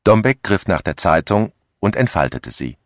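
A man narrating a literary short story as an audiobook, in a calm, measured way, on a close studio mic. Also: low voice, no echo.

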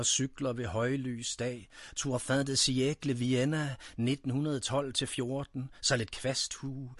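A man reading dark, brooding spoken-word poetry, addressing a "you" directly. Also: medium pitch, no room sound.

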